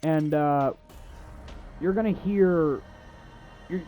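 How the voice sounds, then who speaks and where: With a slightly high, warm voice and drawn-out words, this young man narrates a video game walkthrough casually and sarcastically, cracking crude jokes while game music and sounds play underneath.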